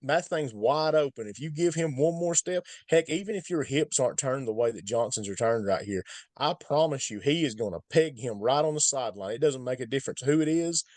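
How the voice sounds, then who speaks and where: Male football analyst, Appalachian hillbilly accent, mid-pitched and dryly recorded, folksy, emphatic, casual breakdown of plays. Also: fairly quick, a little mellow, dry recording. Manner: emphatic, folksy, repeats points for stress. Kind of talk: casual sports commentary.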